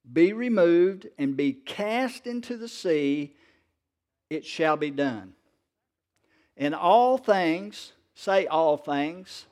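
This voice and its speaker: A man preaching with a slightly raised pitch, chuckling between lines and coaxing his congregation to answer back. When he reads scripture he slows right down and leans on each word. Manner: joking, laughs often, calls for congregation response; reads scripture slowly and emphatically. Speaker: pastor. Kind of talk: sermon.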